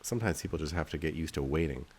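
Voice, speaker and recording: Extremely low in pitch, husky and darkish in tone, his voice rushes along very fast. He's a game developer hosting a video of himself playing his game, rambling casually and thinking aloud with self-deprecation.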